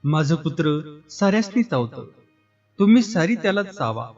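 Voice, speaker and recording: A man's voice: high-pitched, big pitch swings, normal speed, darkish tone. A man voicing a stubborn, defiant village man who growls contrary retorts, in a dull recording with faint music behind.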